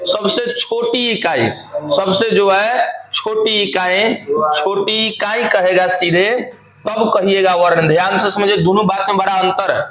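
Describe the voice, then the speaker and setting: A man's voice: sits high, steady tone, measured pace, reverberant, a crowd in the background. A man teaching grammar in a classroom lecture, repeating phrases and quizzing his students.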